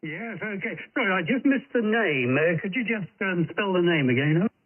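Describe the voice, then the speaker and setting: A man, an amateur radio operator, talks politely on an on-air contact, pausing often, heard over a narrow shortwave radio signal. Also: sits high, lively intonation. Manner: polite, chatty, many pauses and fillers. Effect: narrow shortwave radio sound.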